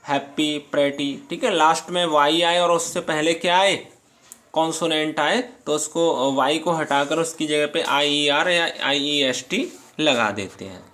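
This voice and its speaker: A man teaching English grammar, explaining slowly and patiently, reading example sentences aloud and checking in often with his listeners. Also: a little high, sharp tone. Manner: slow, patient, reads English lines aloud then explains; checks in often with "theek hai". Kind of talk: grammar lesson explained in Hindi.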